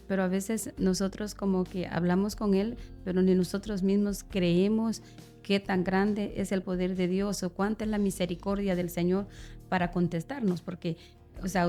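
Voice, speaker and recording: A woman's voice: fairly low pitch, mellow. A woman hosting a church podcast, reflecting on a guest's story in a preaching tone.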